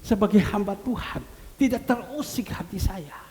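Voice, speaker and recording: An older man preaching a sermon as pastor in a church hall, swinging from loud pleading cries to low murmured asides. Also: moderate pace. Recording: reverberant church hall, faint noise.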